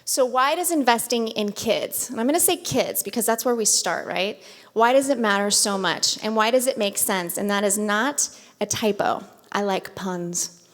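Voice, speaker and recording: A woman's voice: mid-range voice, normal speed. A woman from California giving an earnest, upbeat talk as guest speaker at a community event. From Modesto, California. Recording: long reverb of a large hall.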